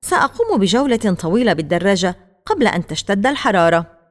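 A woman voicing a cheerful mother who speaks in a calm, matter-of-fact way in a storybook. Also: medium pitch, fast talker, lightly acted. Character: cheerful mother who gives daily weather reports.

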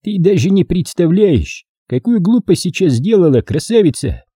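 A man reading an audiobook voices a big bearded middle-aged village boss who drawls slowly and mockingly, in a raised, husky voice. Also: high-pitched, sing-song, dark tone, no echo, studio quality, voice pushed up, exaggerated voice. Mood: smug.

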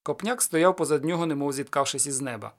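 A man reading an adventure tale aloud in steady storytelling narration. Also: quick pace. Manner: steady storytelling, lowers voice after quotes. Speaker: audiobook narrator. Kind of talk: scripted narration of a folk adventure.

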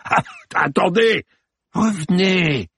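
A man's voice: on the low side, unhurried, husky, no echo, clean studio sound. A man reading the part of a cynical, scornful male film director who talks in a cold, cutting, mocking way. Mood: icy mocking.

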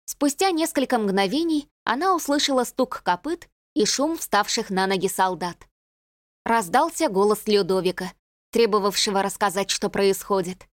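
A woman narrating an audiobook in a measured, even reading. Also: medium pitch, dry recording, studio quality. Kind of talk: scripted narration.

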